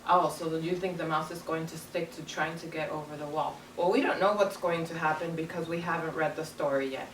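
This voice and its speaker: An elementary school teacher leads a read-aloud lesson for young children in a carpeted classroom full of kids, speaking in simple, instructive phrases. Her low voice moves a little fast with fairly even intonation. A distant camera across the room picks her up, sounding roomy, with background noise.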